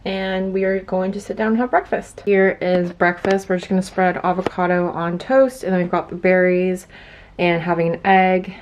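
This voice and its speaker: A woman's voice: on the low side, flat delivery, normal speed, darkish tone, slight background noise. A young woman chatting casually in a vlog, upbeat and full of "like". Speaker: vlogger. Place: home kitchen.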